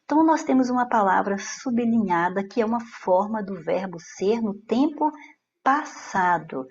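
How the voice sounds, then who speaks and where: A woman's voice: mid-range voice, expressive, normal speed, a little mellow. Brazilian woman teacher explaining exam answers, often checks in with listeners, slightly muffled audio. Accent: Brazilian Portuguese. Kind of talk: exam-prep grammar lesson.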